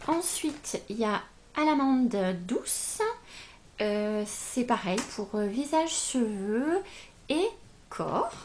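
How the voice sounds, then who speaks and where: A woman talks at a slow, unhurried pace in a slightly high voice, gushing and exclaiming as she unboxes beauty gifts on camera. A faint hiss sits behind her casual chat. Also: animated, darkish tone. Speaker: beauty vlogger.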